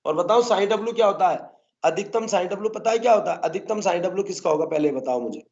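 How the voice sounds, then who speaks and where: A man's voice: high-pitched, animated, fast, a little mellow, muffled recording. Coaxing male teacher quizzing a class. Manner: coaxing, keeps asking students to answer. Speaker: botany teacher. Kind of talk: classroom lecture.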